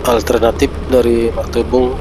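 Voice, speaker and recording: Narrating a casual travel vlog along flooded city streets, a man with a cold-stuffed nose keeps addressing viewers as "friends." He speaks at normal speed with a flat, medium-pitched delivery over outdoor traffic noise.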